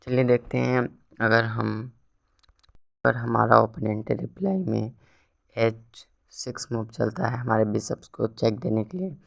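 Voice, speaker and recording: A hoarse man explaining a chess opening step by step in a casual tutorial, mixing English words into his talk. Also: medium pitch, a little slow. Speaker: chess teacher.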